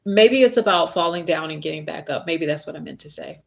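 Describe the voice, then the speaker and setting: A middle-aged woman, an author and spiritual worker, hosts a live stream and chats casually. She rambles a little and laughs at herself as she reads from her book, in a self-deprecating way. Her voice is deep, gravelly, lively, and a little fast.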